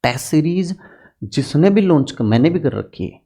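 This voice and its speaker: A man's voice: fairly high pitch, animated, moderate pace, mellow, breathy edge. A man teaching political science exam strategy in an earnest, direct lecture, using homely farm examples to make his points.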